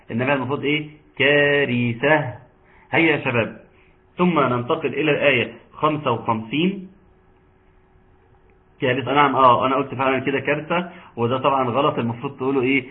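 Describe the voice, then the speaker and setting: A man with an Egyptian accent teaching Quran recitation in an online lesson. He explains patiently and chants verses slowly. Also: medium pitch. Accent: Egyptian Arabic. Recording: tinny phone-like line.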